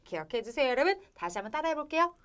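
A woman's voice: high voice, big pitch swings, racing, a bit bright. A woman hosting a television English lesson, playful and laughing often as she keeps speaking straight to the viewers. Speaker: English teacher and host.

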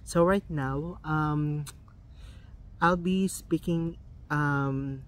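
Speaking extremely slowly in a steady tone, this young vlogger from the Philippines has a voice on the high side. Filipino is his first language and shapes his accent, and his casual talk is marked by frequent ums and false starts.

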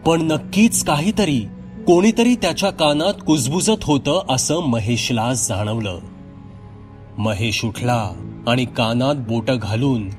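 A man narrating a scripted horror story in a slow, measured storytelling manner. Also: medium pitch.

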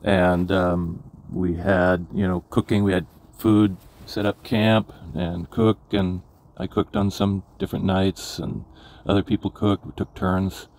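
Older man with a very low voice. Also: flat delivery, a little slow, darkish tone. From California. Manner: rambling, many fillers and restarts. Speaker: memoir vlogger. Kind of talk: casual personal storytelling.

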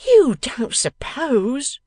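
A woman's voice: fairly high pitch, huge pitch swings, unhurried, husky, no room sound, voice pushed up, exaggerated voice. A woman voicing an honest, startled young man in an audiobook, earnest and pleading. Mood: alarmed. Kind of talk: audiobook character voice.

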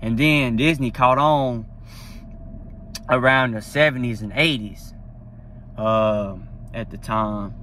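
A man's voice: mid-range voice, takes it slowly, long pauses, bright, forceful tone, a little hiss or hum. A young man talking casually to a phone camera from a parked car, rambling and enthusiastic with lots of fillers. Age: young adult. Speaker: vlogger. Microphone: phone at arm's length.

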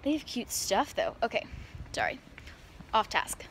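Young woman vlogger, unhurried and higher-voiced, casual and chatty on a handheld camera. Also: lively intonation, a bit bright, slight background noise. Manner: chatty, upbeat, filler-heavy. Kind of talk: casual vlog chat. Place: outdoors walking, then store aisles.

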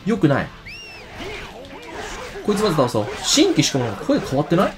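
Guy streaming a game, talks back at the enemies, bouncy highish voice, loud game music under him. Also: huge pitch swings, a little fast. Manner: chatty, reacts aloud and talks back to enemies. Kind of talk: casual let's-play commentary. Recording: game music playing loudly behind.

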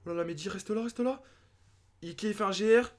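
Excitable young man commentating his game. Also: sits high, moderate pace. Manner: excitable, talks to himself, sudden outbursts. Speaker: gaming youtuber.

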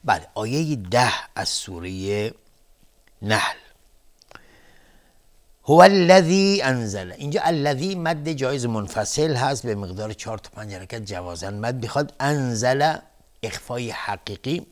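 Low-voiced man teaching recitation rules. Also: animated. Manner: methodical, explains rules step by step. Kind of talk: televised tajweed lesson.

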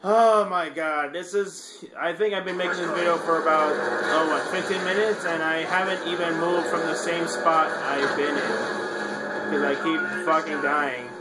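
A man giving frustrated, swearing commentary while playing a shooter game, with loud outbursts. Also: fairly high pitch, fairly even intonation, moderate pace, very noisy. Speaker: gamer. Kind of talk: gameplay commentary. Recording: loud game sound behind.

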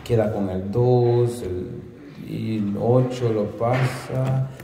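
A man's voice: fairly low pitch, steady tone, takes it slowly. A man with a Salvadoran Spanish accent hosts a singing contest in a joking, teasing way, often repeating his words. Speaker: host of a singing contest show. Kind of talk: joking lively hosting. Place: large open-air covered court. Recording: echoey covered court, noisy.

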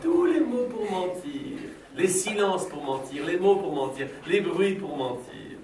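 A man's voice: high voice, very animated, measured pace, a crowd in the background. A middle-aged man leading a philosophy session with children, asking playful, probing, teasing questions. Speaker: philosophy workshop leader for children. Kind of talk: Socratic questioning of a class. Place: school classroom with children. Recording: roomy, from a distance, faint background noise.

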